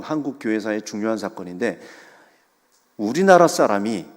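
A man preaching as a pastor, telling a story in a sermon with dramatic rises and soft drops. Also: medium pitch. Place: church sanctuary. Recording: long church hall reverb.

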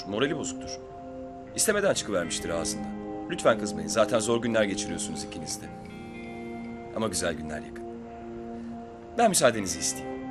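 A courteous, smooth-talking young gentleman in a TV drama. His voice is fairly low, under loud music. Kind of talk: TV drama acting. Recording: loud music behind the dialogue.

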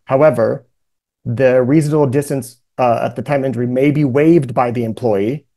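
Male webinar presenter, medium pitch, explanatory legal lecture with informal asides, video-call mic. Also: fairly even intonation, normal speed, dark tone. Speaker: presenter, workers' compensation lawyer.

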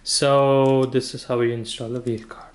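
Slow-talking man, casual demo, noisy recording. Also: mid-range voice, level tone. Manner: informal, halting, thinking aloud. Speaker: product reviewer. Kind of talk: casual hands-on demonstration. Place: indoor room with wooden floor.

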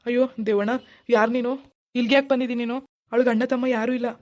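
A woman's voice: on the high side, flat delivery, quick pace, darkish tone, natural voice. Woman voicing a bossy lazy cartoon husband. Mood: panicky. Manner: bossy, then panicky and pleading. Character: lazy bossy husband, cowardly when scared. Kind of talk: animated cartoon voice acting.

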